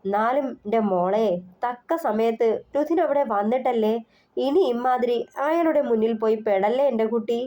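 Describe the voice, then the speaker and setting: A woman's voice: on the high side, normal speed, warm tone, lightly acted. A woman voicing a fretful, tender middle-aged widowed mother in a storybook reading. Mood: worried. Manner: fretful, affectionate.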